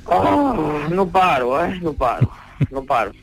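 An actor playing an earthy, flustered Catalan peasant in a radio comedy sketch, rambling and stammering apologetically. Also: male voice, a little high, very animated, slow, vocal fry, heavily acted, poor audio.

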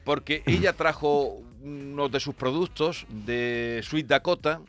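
A man's voice: on the high side, takes it slowly, fairly bright tone, soft background music. A man hosting a radio chat, rambling and hesitating as he tells stories and teases the guests. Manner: rambling, hesitant, playful teasing. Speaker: radio host.

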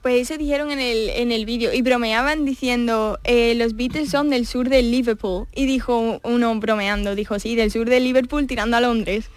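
A woman's voice: on the high side, steady tone, normal speed, hardly any pauses. A woman with an Andalusian accent, a regular radio contributor explaining things in casual chat in a studio. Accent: Andalusian Spanish.

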